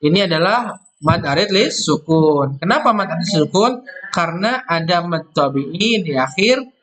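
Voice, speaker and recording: A man teaching Quran recitation rules, explaining step by step and slowly chanting verse words before each explanation. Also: fairly high pitch, lively intonation, fairly bright tone. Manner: explains step by step, often ending with "ya".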